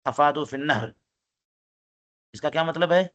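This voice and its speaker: Going through a classical religious text line by line, a man reads the Arabic aloud, explains it, and frequently stops to ask his students questions. His voice is somewhat high with a fairly bright tone, though the audio itself sounds dull.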